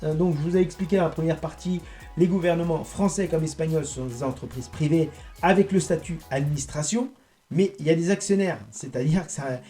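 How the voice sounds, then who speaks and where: A man giving a rambling, indignant monologue to his viewers, halting and restarting as he goes. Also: fairly high pitch, darkish tone. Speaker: online political commentator.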